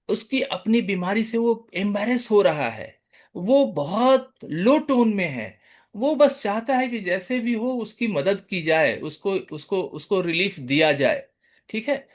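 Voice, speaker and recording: A man giving an online lecture, mixing in English terms and acting out how patients talk. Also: high voice. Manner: mixes English terms into explanation; lively, acts out patient speech. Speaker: homeopathy lecturer.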